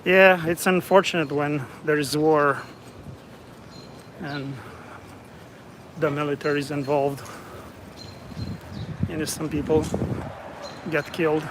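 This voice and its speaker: A man from Romania casually narrating a walking tour of city streets as an independent reporter, chatty and relaxed. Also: on the high side, takes it slowly, long pauses. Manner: relaxed, chatty, remarks on passersby. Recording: outdoor street noise behind.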